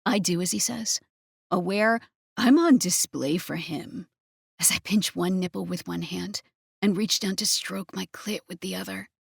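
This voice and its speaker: A woman narrating a first-person romance audiobook in a breathy, intimate manner. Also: lowish voice, a little slow, dry recording, studio quality.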